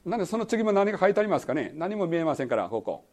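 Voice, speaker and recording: High, lively-voiced man leading a Bible lesson. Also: rapid-fire. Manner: quizzes the audience, repeats key words. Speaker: pastor teaching a Bible study. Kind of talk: sermon-style Bible lesson.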